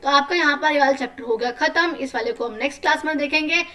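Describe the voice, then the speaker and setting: A woman's voice: high-pitched, fast, pushed and bright, distant mic. A woman with an Indian accent teaching children a lesson, patient and often checking in with questions.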